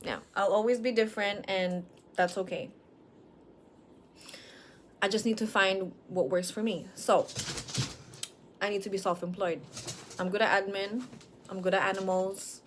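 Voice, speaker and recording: A woman's voice: medium pitch, fairly even intonation, a little slow, long pauses, a little hiss or hum. A woman in her late twenties talking frankly at home, rambling and questioning herself in a personal vlog. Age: late 20s. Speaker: vlogger. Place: at home with dogs.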